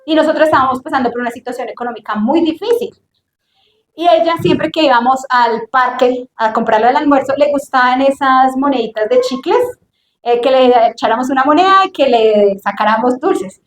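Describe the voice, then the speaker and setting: Middle-aged woman preacher, high voice, emphatic sermon storytelling in a reverberant church. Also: a little fast, a little hiss or hum.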